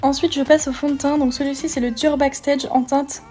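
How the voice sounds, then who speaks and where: Fast-talking young woman beauty vlogger. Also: high-pitched, little pitch movement, warm tone. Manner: chatty, enthusiastic product commentary. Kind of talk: get-ready-with-me voice-over. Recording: faint background music.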